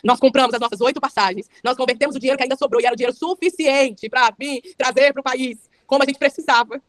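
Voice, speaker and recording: A woman's voice: sits high, fast, no room sound. A young adult woman with a Brazilian Portuguese accent, giving a fervent testimony sermon with a repetitive preaching cadence.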